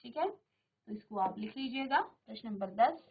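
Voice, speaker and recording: High-voiced woman teaching a Hindi class. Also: expressive, normal speed, slightly rough, narrow, tinny audio. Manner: patient, repeats questions and addresses students directly. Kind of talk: virtual classroom lesson. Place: studio classroom.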